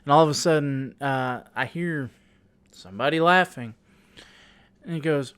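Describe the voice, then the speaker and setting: A man telling a story on his vlog, halting and amused, laughing at himself as he goes. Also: a little high, fairly bright tone, clean tone, no echo. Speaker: YouTuber.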